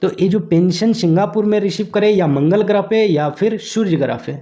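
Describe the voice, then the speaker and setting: A man teaching an exam revision lesson, mixing in English terms and pausing to let viewers think, his throat a little sore. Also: high voice, mellow.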